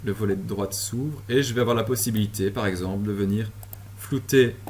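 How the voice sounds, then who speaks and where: A man from Belgium giving a relaxed software tutorial from his apartment over a video call, with many fillers and restarts. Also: on the low side, brisk, slight background noise. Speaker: instructor. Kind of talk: screen-share software tutorial. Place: home apartment.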